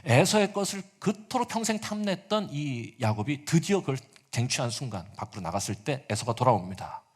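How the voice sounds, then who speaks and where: A man's voice: medium pitch, sing-song, a little fast, husky. A male pastor preaching a sermon, retelling a story with casual asides and acted-out quotes.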